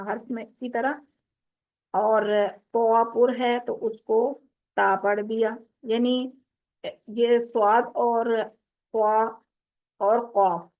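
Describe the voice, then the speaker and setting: Woman, recitation teacher, patient explainer, stretches demonstrated words slowly, phone-thin sound. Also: fairly high pitch. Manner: slow, drawn-out demonstration of Arabic words. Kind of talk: tajweed lesson explaining recitation mistakes. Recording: tinny phone-like audio.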